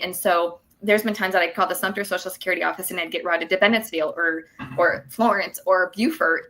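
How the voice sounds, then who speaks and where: Woman, lower register, talk-show guest, long chatty explanations. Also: sharp tone. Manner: explanatory, talks at length with fillers. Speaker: work incentives coordinator guest. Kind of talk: casual chat on a podcast.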